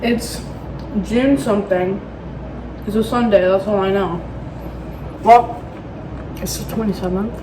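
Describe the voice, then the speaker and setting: A woman's voice: mid-range voice, steady tone, measured pace, pauses often, distant mic. Rambling woman vlogging from her kitchen. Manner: rambling, self-mocking, lots of ums. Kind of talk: casual cooking vlog chat. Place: home bathroom and kitchen. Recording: roomy, from off-mic, household noise.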